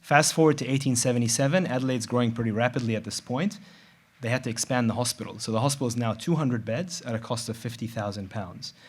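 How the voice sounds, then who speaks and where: A middle-aged man from Dubai speaks at a conference in a voice of middle pitch. He talks in a conversational, measured way, now and then restarting a word. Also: breathy edge. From Middle East, grew up in Dubai. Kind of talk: conference presentation. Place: large venue.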